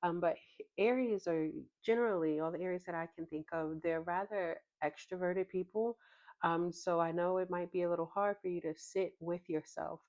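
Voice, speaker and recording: A woman with a notably low voice talks through a tarot spread in a relaxed, unhurried way, pausing often with ums as she thinks aloud. The recording sounds a little dull and lo-fi. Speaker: tarot reader. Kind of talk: casual tarot reading to camera.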